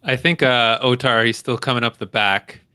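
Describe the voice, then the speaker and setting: Casting: male tabletop player, bright mid-range voice, casual and jokey game chat. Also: mid-range voice, moderate pace, clean tone, dry recording, studio quality. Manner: joking, informal.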